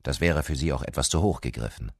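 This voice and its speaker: A man's voice: a bass voice, fast talker, darkish tone, husky, dry recording, clean studio sound, voice pushed down. A man voicing a stern, threatening Viking father in a dramatic reading, harsh and commanding. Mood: secretive.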